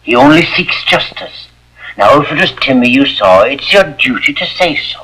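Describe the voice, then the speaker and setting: An actor playing a gentle, solemn parish priest who speaks in a measured, pious way, heard through the sound of a 1950s TV broadcast with a music bed. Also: male voice, mid-range voice, lively intonation, husky, poor audio. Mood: earnest.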